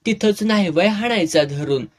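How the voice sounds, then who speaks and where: A man's voice: high voice, expressive, moderate pace. A man voicing a fierce scolding village mother. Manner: scolding, bold.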